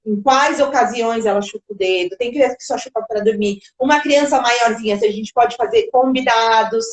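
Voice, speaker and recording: A woman's voice: a little high, normal speed, echoey room, rough recording. A woman speech therapist giving explanatory answers in a live video-call interview, now and then acting out parents and children.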